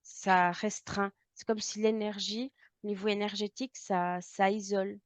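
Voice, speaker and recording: A woman with a French accent, describing impressions in a halting way, often pausing to search for words. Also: mid-range voice, level tone, no room sound. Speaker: intuitive medium. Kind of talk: hesitant channeled description.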